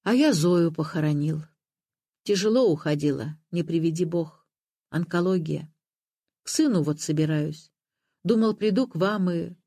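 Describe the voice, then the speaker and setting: A reader voicing an aging widower who speaks in a hoarse, pleading way. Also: medium pitch, measured pace, warm tone, dry recording, clean studio sound. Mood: anxious. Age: older. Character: aging widower, shaken and anxious.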